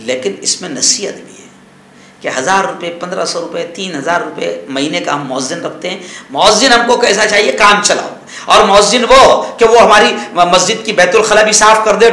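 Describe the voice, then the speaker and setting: An echoey, high, bright-voiced male cleric from India gives informal news commentary that sounds like a sermon. He scolds and exhorts in a conversational way, leaning on rhetorical questions and repetition.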